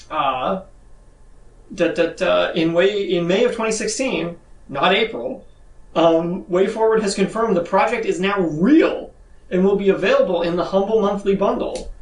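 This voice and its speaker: In a rough recording from a distant mic in an echoey room, a man with a high voice co-hosts a gaming news podcast. He reads the news items in a chatty, casual way, using lots of fillers.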